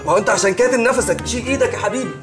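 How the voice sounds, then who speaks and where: An actor with an Egyptian accent playing a young man who keeps coaxing and calming a panicked friend. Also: very high-pitched, racing, over music. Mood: soothing. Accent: Egyptian Arabic. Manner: coaxing, reassuring. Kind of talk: sitcom acting.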